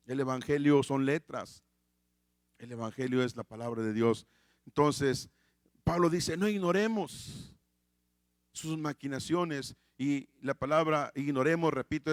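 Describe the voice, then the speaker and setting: A man's voice: fairly high pitch, no room sound, studio quality. A man preaching a sermon, repeating key phrases for emphasis and often restarting words.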